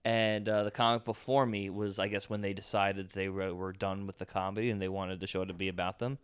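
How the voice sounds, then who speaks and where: A man's voice: low voice, level tone, brisk, smooth, no room sound, studio quality. A man on a casual comedy podcast, telling rambling anecdotes and laughing through them.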